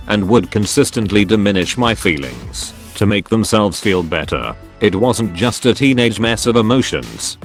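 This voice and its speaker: A man reads out forum posts in a steady, scripted narration. His voice sits on the low side, and soft music plays quietly underneath.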